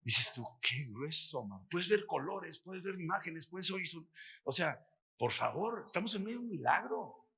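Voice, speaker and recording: Animated Mexican man preaching, bright voice. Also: fairly high pitch, moderate pace, slightly rough. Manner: animated storytelling, acts out dialogue. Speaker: missions workshop speaker. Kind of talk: testimony sermon.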